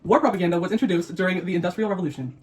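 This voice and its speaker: A young woman co-hosts a mukbang video, shifting between scripted facts and snippy, playful teasing. Her voice is fairly low with a darkish tone, and she races through her lines.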